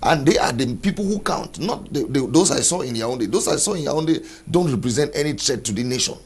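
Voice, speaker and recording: A man arguing his point as a panelist in a studio panel debate, deliberate and argumentative. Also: medium pitch, animated, slight background noise.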